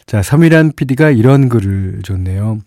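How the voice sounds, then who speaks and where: A man's voice: lowish voice, normal speed, dry recording, clean studio sound. A male radio DJ chatting casually on a late-night music show, reading listener messages aloud and chuckling now and then. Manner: relaxed, chatty, reads listener messages with small laughs. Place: radio studio. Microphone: studio microphone.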